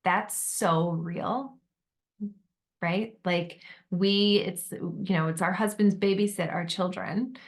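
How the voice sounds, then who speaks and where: A woman facilitating a group discussion on motherhood, gentle and validating, with many fillers. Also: medium pitch, fairly even intonation, slow pace. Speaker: workshop facilitator.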